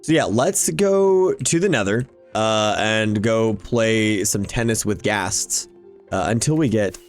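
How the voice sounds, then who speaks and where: A man hosts a gameplay video as a YouTuber, his lowish voice unfolding at a slow pace while he chats and rambles with relaxed excitement. Music runs in the background.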